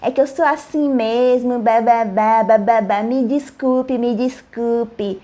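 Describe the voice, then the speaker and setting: A woman voicing a drunk, belligerent middle-aged man who shouts insults, then whines apologies. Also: on the high side, fairly even intonation, slow. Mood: whiny apologetic.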